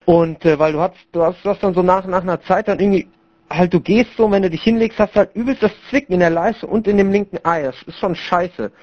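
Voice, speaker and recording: A man's voice: high voice, fast, a little mellow. A young man casually telling a crude story to other gamers over voice chat, rambling with many fillers and restarts. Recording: muffled lo-fi voice chat.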